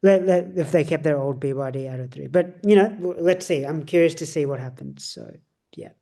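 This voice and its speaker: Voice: medium pitch, fairly quick, gravelly, warm tone. A podcast co-host chatting casually about cars, rambling with many fillers and restarts.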